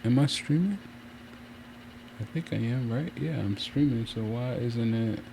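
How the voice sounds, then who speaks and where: A man's voice: mid-range voice, unhurried, low-quality recording. A man chatting casually on a livestream from a room at home, rambling and often circling back to repeat himself. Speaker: streamer hosting a channel. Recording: clear steady fan noise. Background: fan running.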